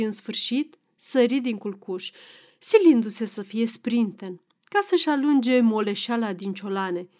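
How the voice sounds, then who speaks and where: A woman narrating a classic novel as an audiobook, measured and expressive. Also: fairly high pitch.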